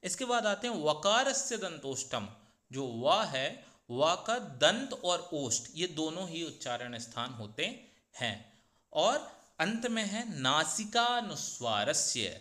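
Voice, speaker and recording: A man teaching a grammar lesson, slowly sounding out each letter in turn. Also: on the high side, pushed and bright.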